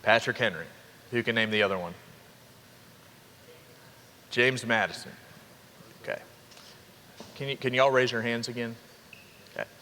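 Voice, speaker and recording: A young man, a college dean of students giving an upbeat orientation welcome to students and parents, with quick asides to the crowd. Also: mid-range voice, sharp tone, a little hiss or hum. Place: large hall. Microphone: handheld microphone. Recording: reverberant hall with faint ambience.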